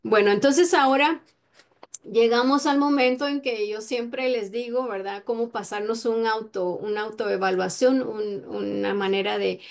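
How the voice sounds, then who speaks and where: A woman's voice: fairly high pitch, fairly even intonation, a little slow, creaky. A woman giving an informal Bible teaching in a conversational way, often checking in with her listeners. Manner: conversational, many fillers and "verdad?" tags.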